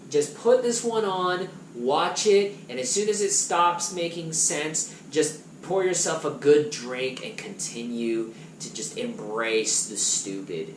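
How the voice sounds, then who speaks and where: Guy rambling excitedly about movies he loves, roomy echo, noise behind him. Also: medium pitch. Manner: enthusiastic, animated swings in loudness. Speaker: vlogger reviewing his movie collection. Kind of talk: casual chat. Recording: echoey room with background noise.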